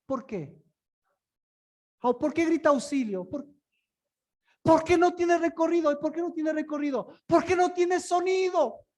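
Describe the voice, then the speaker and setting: A man's voice: extremely high pitch, unhurried, long pauses, darkish tone. A man teaching in a sermon style, asking the listeners many rhetorical questions and often repeating and restarting his words. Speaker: preacher.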